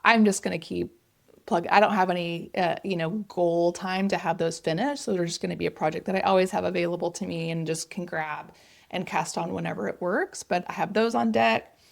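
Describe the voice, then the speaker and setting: A woman's voice: lowish voice, fairly even intonation, brisk, gravelly. A woman with an Oklahoma accent, chatting casually and enthusiastically as the host of a knitting vlog.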